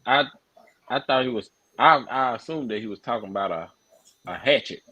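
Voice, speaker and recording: A man in a casual chat, speaking haltingly and correcting himself. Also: medium pitch, expressive, sharp tone, no room sound, lo-fi sound.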